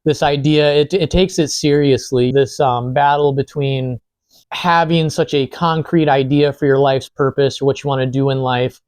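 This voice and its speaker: Male film reviewer, medium pitch, informal and lightly profane, conversational delivery, dry close recording. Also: fairly even intonation, normal speed, darkish tone, smooth, no room sound. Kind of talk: casual film review chat while eating.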